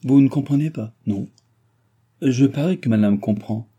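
A man reading an audiobook, voicing an excitable, scheming nobleman with a theatrical, insinuating manner. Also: medium pitch, normal speed, breathy edge, lo-fi sound, natural voice.

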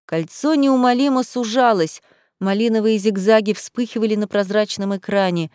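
A woman narrates a first-person fantasy audiobook with expressive, emotional reading. Her voice sits in a middle register. The recording is dry and close. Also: medium pitch, moderate pace, smooth, dry recording.

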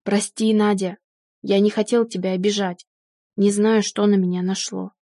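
A woman reading the lines of a calm, condescending husband who cheated on his wife, in an audiobook. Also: medium pitch, moderate pace, dry recording, studio quality, natural voice. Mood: pleading. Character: unfaithful husband, middle-aged man, smug and dismissive.

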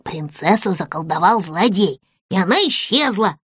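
A woman voicing an excitable bird-like doll girl in a storybook, crying out in strong feeling. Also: lowish voice, normal speed, husky, dry recording, studio quality, voice pushed down. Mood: explaining. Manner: emotional, cries out.

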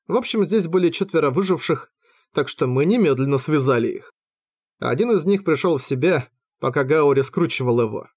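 A man reading a fantasy audiobook in the first person, with lively, wry storytelling. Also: medium pitch. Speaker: audiobook reader.

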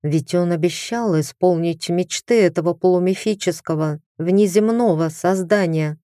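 Calm woman reading an audiobook. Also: on the low side, moderate pace, no room sound, studio quality. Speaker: audiobook narrator. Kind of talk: scripted audiobook narration.

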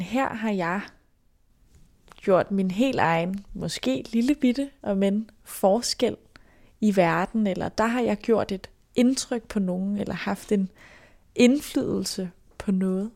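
Creaky woman asking calm questions. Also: mid-range voice. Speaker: host. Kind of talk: interviewing.

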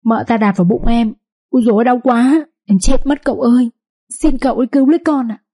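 A woman's voice: on the high side, quick pace, mellow, slightly rough, voice pushed up. A woman voicing a scheming pregnant young concubine who wails and whimpers her complaints. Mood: wailing.

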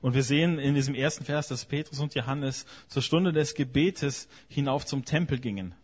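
A man's voice: medium pitch, moderate pace, darkish tone, breathy edge, highs cut off. A man interpreting a sermon phrase by phrase, often hesitating with fillers and correcting himself.

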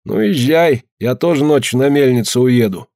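Man doing a terse, gruff young village man. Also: mid-range voice, normal speed, darkish tone, no echo, studio quality, lightly acted.

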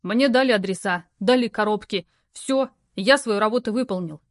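A woman voicing a gruff, burly male courier who talks curtly and in rough slang. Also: mid-range voice, normal speed, no room sound, studio quality, close to an everyday voice.

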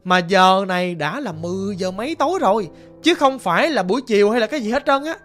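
Man, Southern Vietnamese accent, ghost story narrator, chatty and animated, faint music behind. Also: high-pitched, quick pace. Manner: chatty, animated, addresses listeners.

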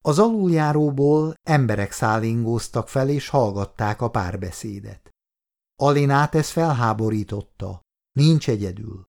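A man narrating an audiobook in a steady, measured way. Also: mid-range voice, vocal fry. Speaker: audiobook reader.

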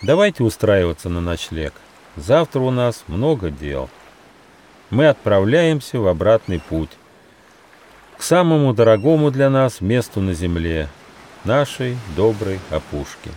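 A man's voice: on the low side, big pitch swings, unhurried. A man voicing a kind, polite little male gnome in a storybook. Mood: gentle. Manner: polite and gentle.

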